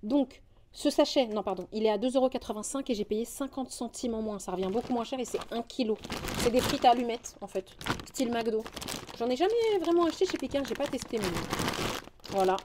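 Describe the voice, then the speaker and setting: A young French woman, chatting casually through a grocery haul vlog, rambling and quick to get indignant. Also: on the high side, noisy background. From France. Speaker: vlogger.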